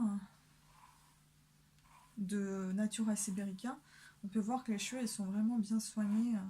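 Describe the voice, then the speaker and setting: A woman's voice: medium pitch, dark tone, breathy edge. A young woman chatting casually while doing her makeup, full of hesitations and fillers. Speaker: beauty vlogger.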